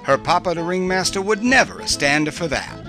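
A man's voice: high-pitched, animated, normal speed, music in the background. A man playing a strict male cook with a put-on Italian accent, tacking "a" onto his words in a children's show. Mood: stern. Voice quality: mock-Italian "a" endings on words.

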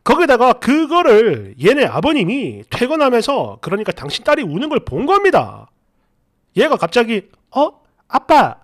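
A man narrates his own online post in the first person, sounding exasperated as he recounts what happened. His voice sits unusually high for a man and moves in wide, lively swoops, carrying the story along with an animated storytelling drive. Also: moderate pace.

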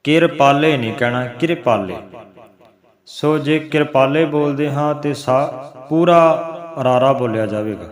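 A man gives an unhurried scripture lesson at a mid pitch, chanting each verse slowly before he explains it. His voice rings in a noticeably echoey room. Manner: slow, deliberate, chants the verses, then explains. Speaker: Gurbani teacher.

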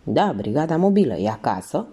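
A woman's voice: sits low, big pitch swings, warm tone, breathy edge, full character voice. A woman voicing a blunt male police inspector who asks short, probing questions.

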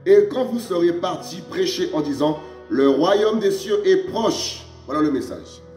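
A man with a high voice preaches an emphatic sermon, pushing his questions up and then sinking low to address his friends. His voice rings in a reverberant room. Soft music plays underneath. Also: animated, unhurried. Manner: emphatic, repeats "mes amis" in a low drop; rhetorical questions, rising exclamations.

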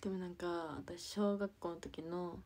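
A teenage girl with a soft, quiet voice, chatting casually on a livestream, rambling with many fillers and giggles. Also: on the low side, little pitch movement, moderate pace. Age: teens. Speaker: idol livestreamer.

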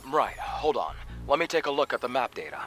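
Adam, calm young game survivor. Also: male voice, mid-range voice, fairly quick, a little hiss or hum. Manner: steady, reassuring, optimistic. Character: young male survivor guide, calm and encouraging. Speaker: companion character. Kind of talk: game cutscene voice acting. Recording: game soundtrack playing behind.

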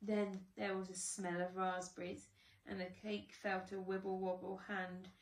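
A woman, a preschool teacher, reading a children's storybook aloud in a slow, gentle and expressive way. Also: mid-range voice, recorded from a distance. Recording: echoey room, voice off-mic.

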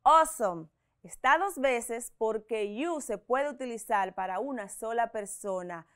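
A Dominican woman in her thirties, an English teacher, giving a televised lesson to schoolchildren and slowly modelling sentences in both languages with a Dominican Spanish accent. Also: fairly high pitch, a bit bright. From Dominican Republic. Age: 30s. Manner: slow, clear bilingual explaining, modelling words for repetition.

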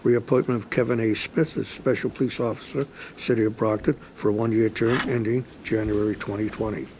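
A man serving as city clerk, reading agenda items aloud in a flat, steady way. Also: on the low side, fairly quick, slight background noise, low-quality recording. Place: council meeting room.

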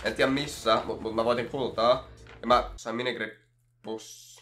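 Swearing, jokey young man vlogging. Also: medium pitch. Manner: swears a lot, jokey and animated. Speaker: YouTuber opening fan mail. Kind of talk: casual vlog chat.

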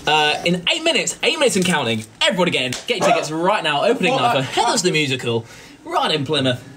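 A man's voice: a little high, wildly swooping pitch, quick pace, a crowd in the background. A man chatting playfully as host of a backstage live stream, slipping into silly voices, recorded on a phone in a dressing room. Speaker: cast member hosting a backstage live stream. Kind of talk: casual backstage chat.

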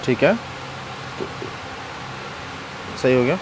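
A man's voice: medium pitch, expressive, drawn-out words, a little hiss or hum, low-quality recording. A man hosting a shop-tour vlog, chatty and constantly affirming, recorded on a handheld camera in a fabric warehouse. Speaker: vlog host. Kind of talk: casual shop-tour commentary.

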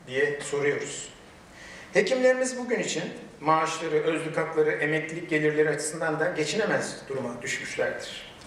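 A man speaking at a podium microphone in a large hall, giving a formal prepared speech with emphatic, measured delivery and rhetorical questions. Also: fairly high pitch, fairly bright tone. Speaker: medical chamber president giving a ceremony speech. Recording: very echoey hall, voice distant from the mic.

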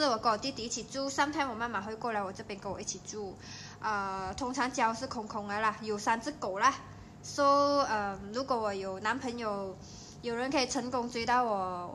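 A woman's voice: a little high, sharp tone, slight background noise. A young Malaysian woman with a Malaysian Mandarin accent, chatting playfully with viewers on a livestream from home. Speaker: livestream host. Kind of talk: casual livestream chat.

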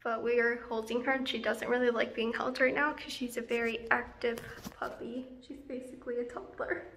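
A woman's voice: level tone, a little fast, vocal fry, a bit bright. A woman talking casually in a vlog, chatty and rambling, with frequent fillers and asides. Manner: breaks into a high sing-song when talking to her puppy. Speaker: vlogger. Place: outdoors at first, then indoors.

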